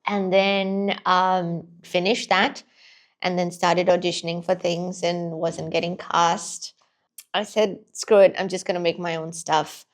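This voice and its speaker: Laughing, lively woman from Pakistan. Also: on the low side, unhurried. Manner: lively storyteller, laughs often. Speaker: podcast guest. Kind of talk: casual interview chat.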